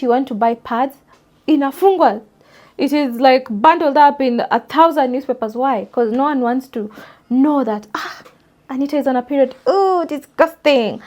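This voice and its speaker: A young woman talks straight to her listeners. Her voice sits high, and she is emphatic and forthright, like a podcast host making a point. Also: darkish tone. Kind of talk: solo opinion monologue.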